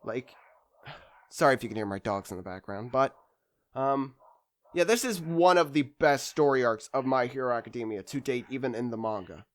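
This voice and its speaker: Here an anime video host talks at a moderate pace in a medium-pitched voice. His fan commentary is loose and unscripted, full of rambling and hesitation as he gathers his ideas.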